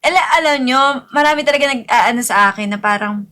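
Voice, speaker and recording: A woman with a Filipino accent hosting a casual live gaming stream in an upbeat, hyped way, coaxing viewers to follow and repost. She has a soft, calming voice. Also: on the high side, fast talker.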